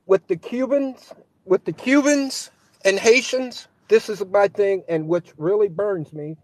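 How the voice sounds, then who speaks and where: A man's voice: high voice, darkish tone. A man calling into a talk show, sounding muffled as if heard through a wall, talking in a heated, complaining way and repeating himself. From United States. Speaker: caller. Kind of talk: call-in talk show caller.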